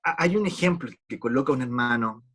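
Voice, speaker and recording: A man preaching a sermon with a husky, slightly rough voice at a middle pitch. He speaks earnestly and pleadingly, stumbling over and repeating words as he presses his point. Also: expressive, brisk, fairly bright tone.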